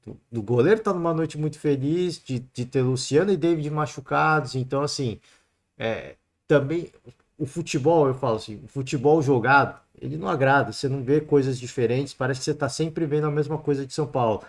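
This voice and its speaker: A man's voice: medium pitch, brisk. A man with a Brazilian accent hosting a sports podcast alone, giving casual football commentary in a chatty way. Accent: Brazilian Portuguese. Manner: chatty, peppers talk with "né" and "cara".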